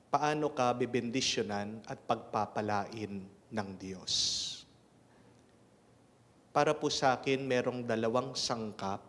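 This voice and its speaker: A Filipino-accented man, a priest, speaking at Mass in a measured, deliberate way with cathedral echo. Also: mid-range voice, fairly bright tone. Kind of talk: liturgical reading and homily. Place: large reverberant church.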